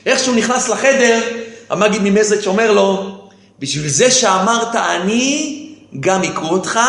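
A man's voice: extremely high pitch, bright, forceful tone, echoey room. A man giving a sermon as a rabbi who keeps asking rhetorical questions and answering them himself, with key phrases repeated for emphasis. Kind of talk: sermon with storytelling.

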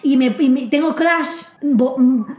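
A woman's voice: sits high, unhurried, darkish tone. A young woman talking in a casual chat among friends, chatty and slangy, often correcting herself. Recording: echoey room.

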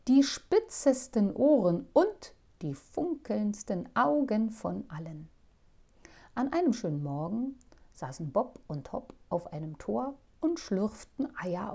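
A woman reading a children's story aloud in an expressive, playful way. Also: medium pitch.

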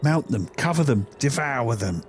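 A man voicing a hushed, intense young woman. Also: mid-range voice, lively intonation, moderate pace, soft background music, pitched above the performer's own voice, close to an everyday voice. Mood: commanding. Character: troubled young woman commanding roaches.

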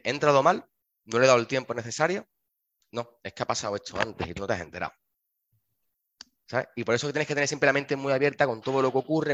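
A man talks quickly and casually about his shelter work, acting out the dialogue of his stories. His voice sounds dry and close, with a slightly dull, lo-fi tone. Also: lowish voice, no room sound. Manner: animated, acts out dialogue in his anecdotes. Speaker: dog shelter worker. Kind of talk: casual chat, storytelling.

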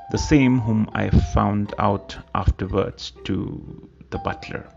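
Male reader for a period story audiobook, very gravelly and slow, dull lo-fi sound with soft music underneath. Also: lowish voice. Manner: slow, halting delivery with repeated words. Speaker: narrator.

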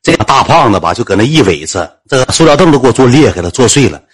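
A man with a Northeastern Chinese accent telling a comic story in a lively, colloquial way. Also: mid-range voice, quick pace, breathy edge. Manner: lively, colloquial, acts out voices.

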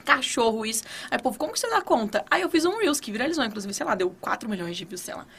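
A woman's voice: a little high, very animated, quick pace, creaky, fairly bright tone, slightly rough. A woman in casual chat, speaking emphatically and swearing casually. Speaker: online entrepreneur and teacher.

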